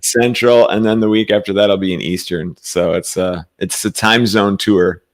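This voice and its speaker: A man's voice: on the low side, steady tone, moderate pace. A man co-hosting a casual spiritual talk show, chatting playfully and laughing often. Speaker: podcast co-host. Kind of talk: casual chat. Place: traveling, currently in a temporary location.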